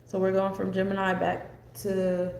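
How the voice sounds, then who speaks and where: Her voice is medium in pitch, gravelly and darkish, delivered a little slowly and completely flat. This American woman presents an astrology forecast in a casual, off-the-cuff lecture that rambles and digresses. The space is echoey, with faint background noise.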